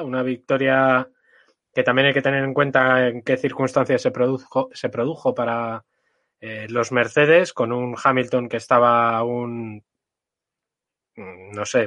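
A man with a Spain Spanish accent works as a casual motorsport commentator. He is wry and blunt, with an average-pitched voice recorded dry and close. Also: fairly bright tone, dry recording. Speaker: panelist on a motorsport podcast.

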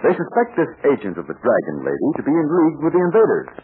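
A man's voice: mid-range voice, wildly swooping pitch, fast talker. A man announcing and narrating in an emphatic, eager old radio announcer style, on an old radio recording. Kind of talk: old-time radio announcing, sponsor pitch and scripted narration. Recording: tinny narrow-band old radio recording, noisy.

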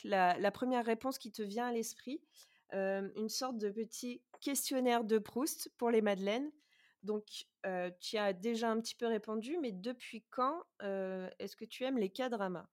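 A woman's voice: fairly high pitch, measured pace. A woman hosting a podcast, chatting casually with frequent hesitations and presenting prepared notes. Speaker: podcast host.

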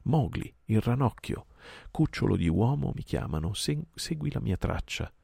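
A man's voice: sing-song, normal speed, creaky, breathy edge, no echo, studio quality, heavily acted. A man voicing the boy Mowgli, calling out urgently in a raised voice for an audiobook reading. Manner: urgent high shouting. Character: frightened boy-cub Mowgli calling for help.

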